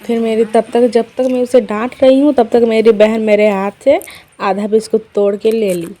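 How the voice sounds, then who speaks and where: A woman's voice: fairly high pitch, level tone, normal speed, dark tone, rough recording. A young woman telling her day in a chatty vlog voice-over, talking to viewers as friends. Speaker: vlogger. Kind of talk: casual vlog voice-over narration. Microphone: voice-over dubbed at home.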